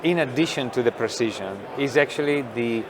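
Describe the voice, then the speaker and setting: An Italian company founder, middle-aged, explains technology in an interview at a trade show booth studio. He speaks at medium pitch, thoughtfully, with many pauses and fillers, while crowd noise surrounds him.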